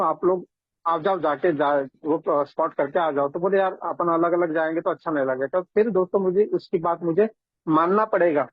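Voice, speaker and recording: A man tells his recovery story in an earnest, conversational way, often turning to the listeners as friends. His voice sits high and a little husky. The sound is dry and tinny, like a phone call. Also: no echo. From India. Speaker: AA member sharing his story. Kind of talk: personal recovery testimony. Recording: tinny phone-line audio.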